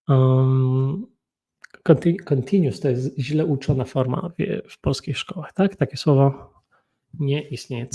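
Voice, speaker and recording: A Polish man with a Polish accent teaching an English grammar lesson, talking slowly and thinking aloud while feeling unwell. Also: mid-range voice, warm tone. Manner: slow, thinking aloud with frequent hums. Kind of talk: solo grammar and pronunciation lesson.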